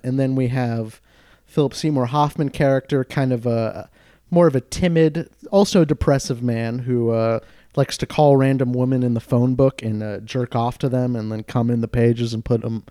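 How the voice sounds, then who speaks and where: A man's voice: mid-range voice, steady tone, moderate pace, warm tone, dry recording, clean studio sound. A young man co-hosting a podcast, chatting casually about movies and rambling with lots of fillers. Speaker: podcast co-host. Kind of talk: casual film podcast chat.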